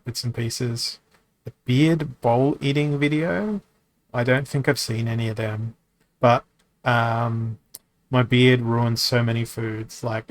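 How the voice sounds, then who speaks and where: With no room sound at all, this card-game streamer talks loosely to his audience in a middle-pitched voice, as casual live-stream chat. He reads viewers' questions aloud and answers them, meandering with frequent ums and false starts.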